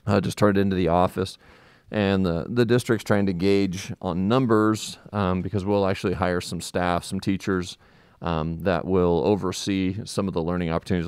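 A man with a low, smooth voice explains things in an informal live-podcast way. He talks through a face mask, so he sounds slightly muffled, and the room adds very little echo. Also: darkish tone. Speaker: school administrator co-hosting a community update.

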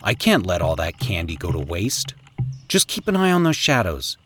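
A man's voice: sits low, wildly swooping pitch, normal speed, fairly bright tone, husky, full character voice. A man voicing a confident, carefree young boy who talks in an easygoing way. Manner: easygoing, nonchalant.

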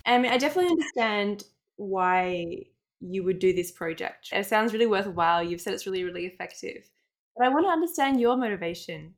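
A woman's voice: medium pitch, animated, fairly quick. A woman hosting a podcast interview, asking questions and responding to her guest with enthusiastic affirmation. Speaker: podcast host.

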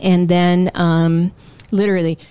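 A woman guest telling her own life story in a candid, conversational way, often with "um" and "like", acting out her past thoughts in a higher voice. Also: level tone, a little slow, warm tone, smooth, no room sound. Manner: frequent "um" and "like", self-interrupting. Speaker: interview guest.

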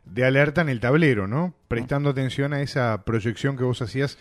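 A man's voice: mid-range voice, fairly quick. A man hosting a radio interview, mostly giving short affirming interjections and prompting questions. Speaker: radio host.

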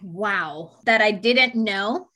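A woman in her forties from Uganda, chatting as a podcast guest in an animated, emphatic way. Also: medium pitch, very slow. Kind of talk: casual chat.

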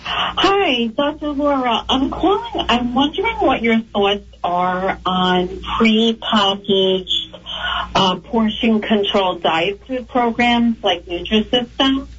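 A woman's voice: on the high side, takes it slowly, a bit bright. A woman caller on a radio call-in show, heard over the phone, politely asking a question. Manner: polite, asks a plain question. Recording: muffled phone line.

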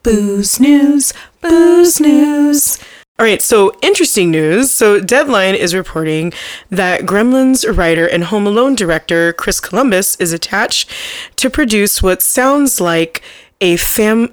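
A young woman chats as a podcast co-host, unhurried but swooping lively in pitch. She laughs often and stumbles through news items with fillers. The sound is dry and close. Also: smooth, no room sound. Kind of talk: casual chat.

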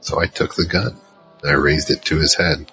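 Over music, a man narrates as the battle-worn gunfighter at the center of a first-person, noir-like audio drama, terse, world-weary, and somber. His bass voice stays steady at a normal speed, creaky, pushed, and bright, in a heavily acted performance.

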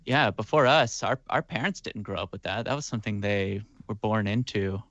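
A man's voice: lowish voice, moderate pace, fairly bright tone, dull audio. A man in his twenties, a guest in a casual chat, easygoing and agreeable. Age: 20s.

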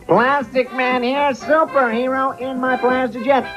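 A man voicing a cheerful, wacky stretchy cartoon superhero in a TV promo pitch. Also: little pitch movement, a little slow. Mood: cheerful, boastful. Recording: dull old TV audio, faint music.

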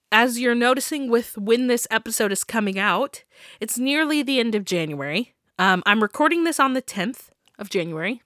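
Stuffy with a sinus infection, this young podcast host chats casually on her own show, laughing often and saying um a lot. Her medium-pitched voice is bright and forceful. The studio-quality audio has no echo.

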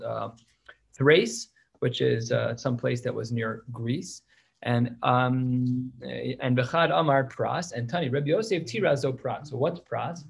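A Talmud teacher with a medium-pitched, creaky, slightly rough male voice leads a class on a religious text. He reads passages aloud in Hebrew and Aramaic, then explains them in casual, plain English.

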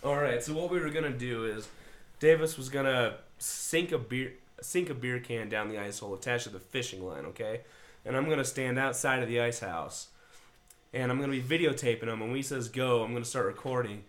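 A man's voice: mid-range voice, a little fast. A man from Wyoming with an ordinary mid-range voice, co-hosting a casual podcast. He talks in a plain, laid-back way and laughs easily. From Wyoming, USA. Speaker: podcast co-host. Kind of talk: casual chat.

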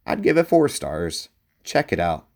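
A man's voice: low-pitched, very animated, measured pace. A man hosting a casual film review podcast, talking conversationally and leaning into his recommendations with emphasis. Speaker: podcast host.

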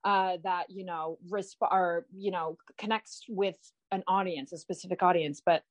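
A young woman, a guest who calls herself an online comedian, chatting casually in an interview, animated and full of fillers and self-repeats. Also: on the low side, normal speed.

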